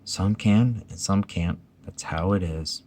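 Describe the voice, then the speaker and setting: A man's voice: low-pitched, takes it slowly, darkish tone, exaggerated voice. A man voicing a simple, mild, wistful toy bear from a storybook, in a musing manner. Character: slow-witted mild male toy bear, plain, wistful.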